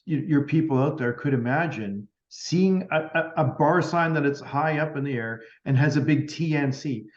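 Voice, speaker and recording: A man who works as a medium tells a story as a guest on a podcast, chatting casually and voicing both sides of each conversation with lots of "like" fillers. His voice is fairly high and moderately paced. The recording sounds roomy and a bit dull.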